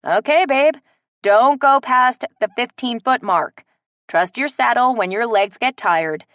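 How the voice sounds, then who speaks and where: A woman's voice: on the high side, measured pace, no echo, lo-fi sound, pitched above the performer's own voice. A woman voicing a protective, hot-tempered tree-climbing woman who barks orders like a drill sergeant. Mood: commanding. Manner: commanding, strained calm.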